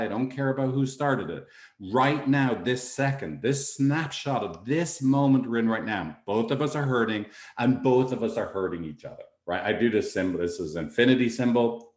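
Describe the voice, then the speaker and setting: A man giving a relationship presentation, telling a story with animated energy and acting out both sides of an argument. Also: lowish voice, echoey room. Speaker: relationship speaker.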